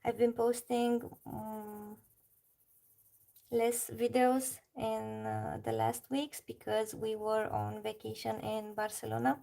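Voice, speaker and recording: A Romanian woman with a Romanian accent colours on a livestream while chatting casually and answering her chat. She reads messages aloud and laughs often, her mid-range voice warm with vocal fry.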